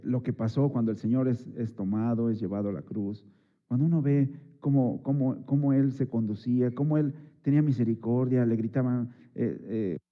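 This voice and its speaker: A man delivering a Sunday sermon at a church service. He talks in a loose, conversational way, full of fillers and little rhetorical checks with the congregation. His mid-pitched voice comes through a slightly dull, lo-fi church recording. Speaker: preacher.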